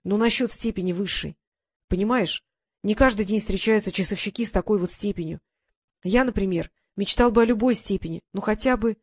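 A woman's voice: mid-range voice, brisk, dry recording, studio quality, close to an everyday voice. A woman voicing an earnest, talkative teenage boy who explains things at length.

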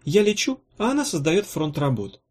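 A man reading an audiobook voices a fussy, practical female valkyrie healer with a brisk, blunt manner. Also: a little high, sing-song, voice pushed up. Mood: matter-of-fact. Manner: brisk, blunt, a little embarrassed.

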